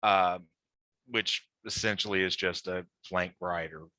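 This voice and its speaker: A man's voice: deep voice, fairly even intonation, measured pace, sharp tone, no room sound. A man teaching melee command on a video call, talking loosely with many fillers and restarts. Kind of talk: explaining tactics in a group call.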